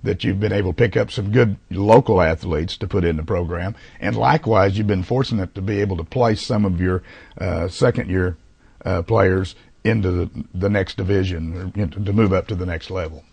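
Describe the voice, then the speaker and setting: Hoarse, gravelly low-voiced man hosting. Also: a little mellow, no echo. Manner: halting, many fillers and restarts. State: hoarse from allergies. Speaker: TV talk show host. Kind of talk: casual interview.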